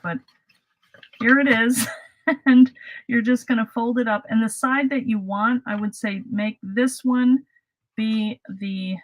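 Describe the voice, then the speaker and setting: A woman's voice: medium pitch, poor audio. A middle-aged woman hosting a casual live craft demonstration, chatty and self-deprecating, laughing at her own slips. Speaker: craft host.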